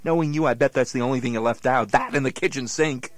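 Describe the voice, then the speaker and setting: A man's voice: medium pitch, quick pace, dry recording. A man playing the incredulous, exasperated straight man in a scripted radio comedy dialogue.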